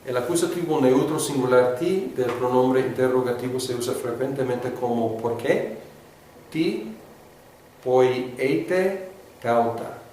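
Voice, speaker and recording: A man's voice: mid-range voice, slow, dark tone. A man teaching a class as the students repeat after him, hesitant, with many fillers and restarts. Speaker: Greek teacher. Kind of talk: classroom lecture with call-and-response. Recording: echoey room, distant mic, faint hiss.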